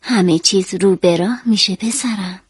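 A woman's voice: mid-range voice, husky, dry recording, clean studio sound. A woman voicing a kind, reassuring mother in a children's story. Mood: gentle. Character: gentle caring mother.

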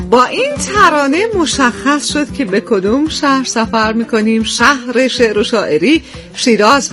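A woman co-hosting a radio show, introducing the guest in a measured, polite way. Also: on the high side, fairly bright tone. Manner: measured, courteous presenting. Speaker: radio co-host.

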